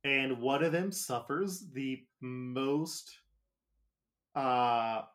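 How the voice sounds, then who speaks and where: A man's voice: medium pitch, drawn-out words, fairly bright tone. A man co-hosting a podcast, recapping episodes in a casual, joking way with plenty of filler words. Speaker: podcast co-host.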